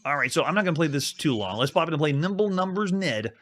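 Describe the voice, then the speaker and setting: Young male streamer, upbeat casual commentary, voice sitting a touch high. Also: lively intonation, fast, fairly bright tone. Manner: enthusiastic, chatty, frequent laughs. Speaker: gaming stream host.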